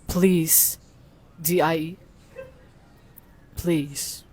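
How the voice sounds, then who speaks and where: A woman voicing a cold, menacing AI chatbot, reading slowly and deliberately. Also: sits low, breathy edge, pitched below the performer's own voice, exaggerated voice. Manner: slow, flat, deliberate delivery.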